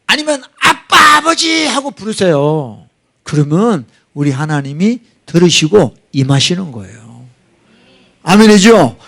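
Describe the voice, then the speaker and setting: A middle-aged man preaching with fervor, his fairly high voice leaping up and down as he stresses each point. He is a pastor leading a prayer sermon and now and then cries out loud in prayer. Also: big pitch swings, measured pace. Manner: impassioned, crying out in prayer.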